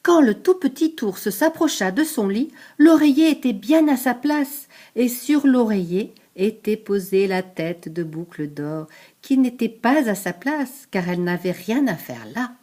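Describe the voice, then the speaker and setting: Older woman, storybook reading, higher voice, lively, explains words. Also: measured pace. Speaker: grandmother reading to a grandchild. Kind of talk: reading a picture book aloud.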